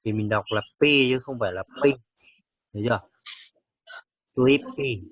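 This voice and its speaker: A man teaching English to a child, patient and coaxing, slowly repeating words to model how they sound. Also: lowish voice, no room sound. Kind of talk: one-on-one English lesson for a child. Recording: dull, dry lo-fi recording.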